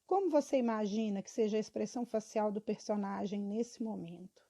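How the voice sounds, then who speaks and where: A woman's voice: mid-range voice, brisk, mellow. A girl of about twelve, reading school questions and her answers aloud, evenly and with small stumbles. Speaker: student.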